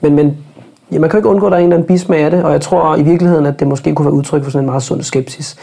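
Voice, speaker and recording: A man's voice: on the high side, fairly even intonation, vocal fry, dark tone. A man as a podcast guest, reflective and thoughtful, thinking aloud and often checking in with tag questions. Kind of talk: casual conversation. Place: podcast studio.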